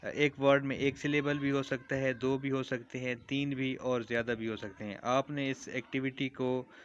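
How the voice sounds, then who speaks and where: Patient male teacher explaining slowly. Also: mid-range voice, fairly even intonation, slight background noise. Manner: patient, repeats examples slowly. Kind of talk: classroom lesson explanation.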